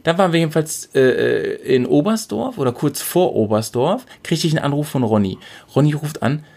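A young man from Lower Saxony, telling a long anecdote in casual chat and acting out the quotes. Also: a little fast, gravelly. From Lower Saxony, Germany. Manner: animated anecdote-telling, acting out quotes with big pitch jumps. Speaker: storyteller.

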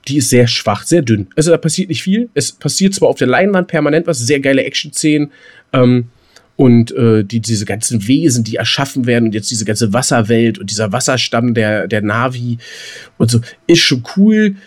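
A man with a mid-range voice and moderate pace co-hosts a podcast. He keeps the film talk casual and colloquial, with some mild swearing mixed in.

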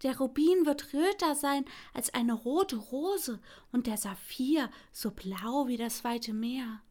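A woman voicing a soft-hearted female swallow in a storybook reading, raising her voice for the bird. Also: high voice, slow. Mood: wistful. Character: gentle, tender female swallow.

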